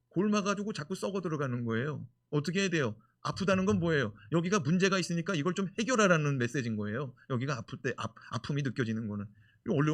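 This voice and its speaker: A male pastor preaching a sermon in an animated way, full of rhetorical questions. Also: a little high.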